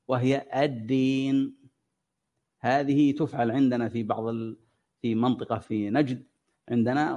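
A man's voice: mid-range voice, warm tone. A man teaching Quran recitation, patiently drawing out sounds as examples and quizzing his students. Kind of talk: classroom lesson on tajweed. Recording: dull lo-fi recording.

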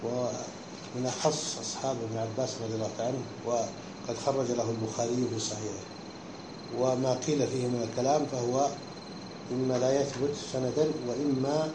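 A man's voice: mid-range voice, little pitch movement, brisk. Teacher quizzing his students. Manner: keeps checking understanding with short questions. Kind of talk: classroom lesson explaining a text. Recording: echoey room with faint background hum.

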